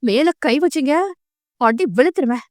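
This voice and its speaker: A woman voicing a spirited young woman teacher who speaks quickly and earnestly. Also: fairly high pitch, expressive, dry recording, clean studio sound, lightly acted. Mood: angry. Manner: quick and earnest, sharp when angered.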